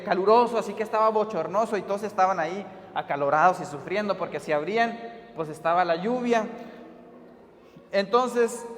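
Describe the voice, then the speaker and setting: High-voiced Mexican preacher in a reverberant hall. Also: male voice, fairly bright tone. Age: adult, father of a daughter. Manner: retells a story, acting out the quoted speech. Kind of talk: storytelling sermon. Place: church hall.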